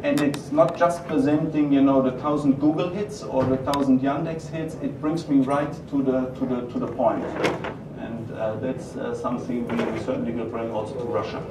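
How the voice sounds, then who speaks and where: An echoey, distant recording of a man with a strong German accent presenting at an event. He speaks at a middle pitch and answers questions haltingly, repeating phrases as he goes. Clear noise sits behind him. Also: steady tone. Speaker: company presenter taking audience questions. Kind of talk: live product presentation and Q&A. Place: roomy event venue. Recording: echoey, noisy room from far off.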